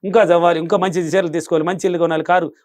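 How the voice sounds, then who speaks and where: A man teaching as a spiritual guide, emphatic and animated, who repeats his lines and laughs often. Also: sits high, racing, no room sound. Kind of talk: animated explanation.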